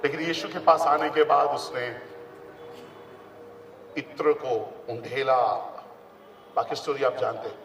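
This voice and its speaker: A man's voice: mid-range voice, slow pace, long pauses, far from the mic, slight background noise. A male pastor preaching a sermon, telling a story with liveliness and putting questions to his congregation. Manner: lively storyteller, quizzes the audience. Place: large church hall. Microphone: distant camera mic. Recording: echoey hall, captured from afar.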